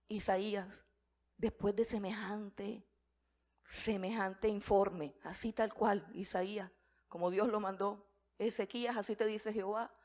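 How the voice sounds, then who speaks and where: A woman preaching a sermon to a church, telling scripture stories dramatically, dropping to a hush and rising to loud emphasis. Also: mid-range voice. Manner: dramatic storytelling, swings between hushed and loud. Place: church hall.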